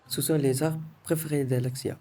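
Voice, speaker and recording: Teen boy narrator, scripted voice-over, steady monotone delivery, mellow and very dark. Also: fairly high pitch, moderate pace. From Sri Lanka. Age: teens. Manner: calm, careful reading, short phrases. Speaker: student narrator of a school film.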